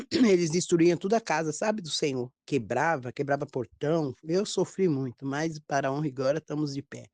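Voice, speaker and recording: A woman pastor with a Brazilian accent, telling a testimony in a sermon, with lively storytelling and acted quotes. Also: low-pitched, moderate pace, no echo. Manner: storytelling, animated quoted dialogue.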